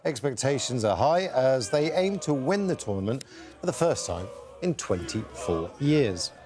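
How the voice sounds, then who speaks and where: A man presenting the news as anchor, with lively, varied intonation. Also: mid-range voice, normal speed.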